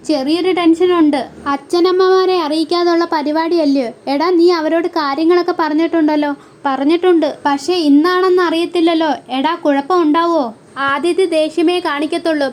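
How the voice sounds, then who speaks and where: A woman recapping a television serial episode, reading out every role's lines in one plain, even voice. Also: high voice. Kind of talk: reading out soap opera dialogue.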